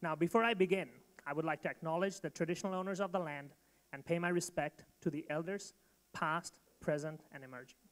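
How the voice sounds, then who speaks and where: A man from Bangladesh giving a rehearsed startup pitch to an audience, emphatic and direct. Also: steady tone, fairly quick, fairly bright tone. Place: event hall. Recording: long hall reverb.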